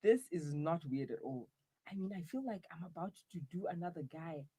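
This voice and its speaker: Brief: man voicing a touchy young boyfriend stuck in the wrong body, comic audio drama, whiny outbursts, husky tone. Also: a little high, expressive, brisk, warm tone. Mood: grumbling.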